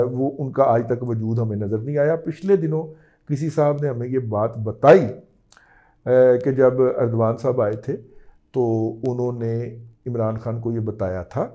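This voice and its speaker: A man's voice: medium pitch, mellow. A man, giving an emphatic news-analysis monologue as a political commentator, often checking in with the listener.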